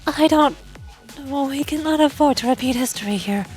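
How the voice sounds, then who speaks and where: A woman's voice: high voice, moderate pace, over music, close to an everyday voice. A woman voicing a solemn, self-doubting girl warrior in a game story, with formal, grave phrasing. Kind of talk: amateur voice acting of a game story.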